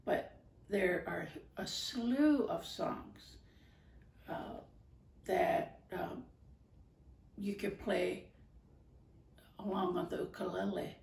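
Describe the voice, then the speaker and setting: A middle-aged woman from Hawaii talking casually to camera about her ukulele videos, pausing often with fillers. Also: mid-range voice, creaky, darkish tone. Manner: halting, many fillers, gestures while talking. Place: living room, indoors. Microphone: far camera. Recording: echoey room from a distance.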